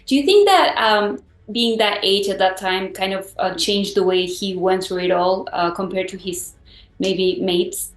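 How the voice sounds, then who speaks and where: A woman's voice: medium pitch, unhurried, reverberant. A woman interviewer asking actors questions in a chatty, enthusiastic way. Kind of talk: entertainment press interview.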